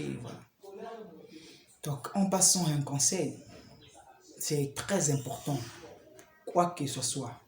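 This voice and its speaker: A man's voice: mid-range voice, vocal fry, darkish tone, a little hiss or hum. A man with a Congolese French accent giving informal preaching advice, conversational, with rhetorical questions and chuckling asides. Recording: roomy hall with crowd behind.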